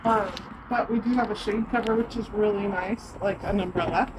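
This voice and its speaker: A woman's voice: medium pitch, steady tone, moderate pace. A woman talking in a chatty, upbeat, enthusiastic way as a travel vlogger. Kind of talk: casual travel vlog. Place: outdoors on a terrace and a hill. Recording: background noise outdoors.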